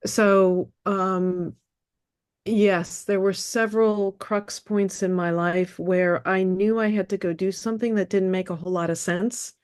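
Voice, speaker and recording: A wellness coach with an upstate New York American accent speaks as a guest in a conversational interview, earnest and quick to laugh. Her voice is medium in pitch, clean and somewhat dark, with fairly even intonation and a slightly slow pace.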